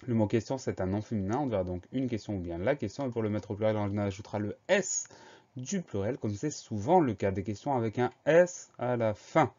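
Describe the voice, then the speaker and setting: On a dull, lo-fi recording, a man teaching spelling dictation patiently sounds out every word letter by letter. He speaks a little fast in a lowish, warm and expressive voice.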